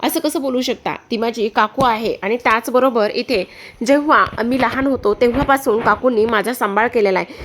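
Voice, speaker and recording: A woman's voice: a little high, normal speed, fairly bright tone, slight background noise, lightly acted. A woman voicing a firm, protective young man in a retold serial story, reading his lines in her own voice. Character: young adult man, protective household manager.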